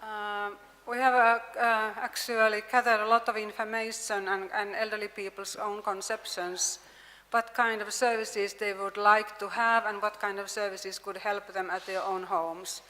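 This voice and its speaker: A woman gives a conference pitch in a bright, forceful voice. She is earnest and halting, and the long reverb of a large hall hangs on each phrase. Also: little pitch movement. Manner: earnest, hesitant with fillers. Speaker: university representative presenting a project.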